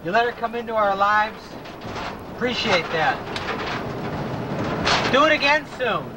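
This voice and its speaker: A man's voice: high voice, expressive, a little slow. A man with a nasal voice, joking and teasing in a casual home video message filmed outdoors. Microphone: camcorder mic. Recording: loud outdoor noise on home camcorder.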